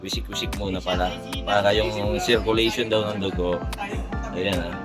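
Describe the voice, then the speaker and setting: A man's voice: fairly low pitch, fairly even intonation, normal speed. A Filipino man giving casual, teasing live commentary as a vlog host, repeating short exclamations and questions. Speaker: vlog host filming athletes at a cold plunge challenge. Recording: loud music over the talk. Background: loud music.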